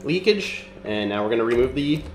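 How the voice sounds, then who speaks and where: A man with a nasal, congested voice from being sick, calmly walking through a repair step by step with frequent ums and uhs. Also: mid-range voice, fairly quick, a little hiss or hum. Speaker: mechanic demonstrating a repair. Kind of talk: casual how-to demonstration.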